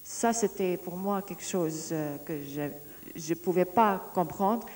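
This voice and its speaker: A woman giving a personal testimony, telling her story in a lively way and often restarting her sentences as she searches for words. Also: lowish voice, measured pace. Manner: lively storytelling, acting out the dialogue she recounts.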